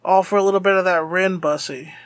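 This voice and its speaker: A man's voice: high voice, fairly even intonation, quick pace, dry recording. A young man co-hosting a podcast, chatting casually and animatedly, laughing often and swearing freely. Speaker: podcast co-host. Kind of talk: casual anime recap chat.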